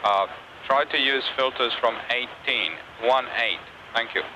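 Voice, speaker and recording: A man working as an experiment controller, making formal queries over radio in a halting, careful way. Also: mid-range voice. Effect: radio transmission. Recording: noisy space radio link.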